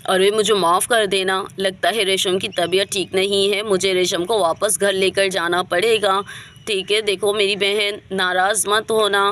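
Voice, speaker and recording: A woman's voice: medium pitch, level tone, normal speed, a bit bright, close to an everyday voice. Woman doing an anxious fussing mother. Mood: soothing. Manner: anxious, pleading questions. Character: worried middle-aged mother, tearful and fussing.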